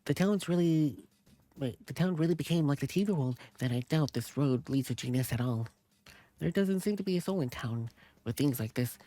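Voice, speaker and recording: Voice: mid-range voice, lively intonation, normal speed, mellow, dry recording. A streamer reading game narration aloud and breaking off into giggly, chatty asides. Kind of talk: reading a visual novel aloud with commentary.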